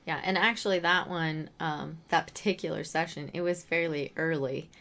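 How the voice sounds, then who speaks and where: A woman's voice: deep voice, fairly even intonation, normal speed, a bit bright. A woman co-hosting a paranormal vlog, chatting casually with emphatic, conversational storytelling. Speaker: paranormal show co-host. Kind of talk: casual two-host vlog discussion.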